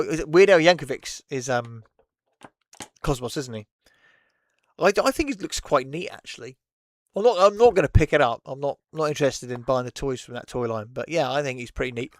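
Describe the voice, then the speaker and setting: A man's voice: medium pitch, dry recording, clean studio sound. A man hosting a casual chat, rambling and laughing often between thoughts. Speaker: host.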